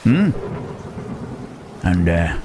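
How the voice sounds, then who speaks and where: Shy gentle monster guy played by a man, real deep voice, slow halting talk, faint rain behind. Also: very animated, noisy background, heavily acted. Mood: tender, shy. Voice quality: hesitant, stammering, formal speech. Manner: soft questioning tags, huh, eh, hmm. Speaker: voice actor. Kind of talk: ASMR roleplay.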